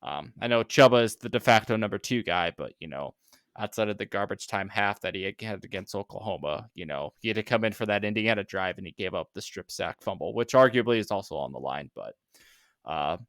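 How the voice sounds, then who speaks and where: A man talks through a sports podcast in a low, resonant voice, heavy with fillers and dry sarcasm. The sound is close and dry with no room echo. He rambles casually as a regular co-host. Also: lively intonation, fairly quick, a bit bright.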